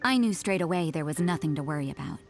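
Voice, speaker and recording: A woman's voice: sits low, lively intonation, fast talker. A woman voicing an aloof, curt adult nun in a game cutscene, with a dry delivery. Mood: cool. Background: game music.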